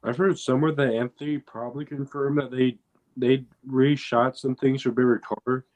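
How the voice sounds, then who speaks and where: A man's voice: mid-range voice, little pitch movement, moderate pace, a little mellow. A man co-hosting a casual fan podcast, recalling details in a thoughtful, hedging way. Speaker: podcast co-host.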